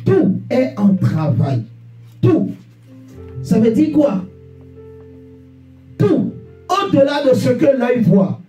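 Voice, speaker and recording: This man delivers an exhorting sermon in an extremely high, warm voice, hammering on repeated phrases and asking his listeners rhetorical questions. Faint music sits under the echo of the room, and the mic is far away.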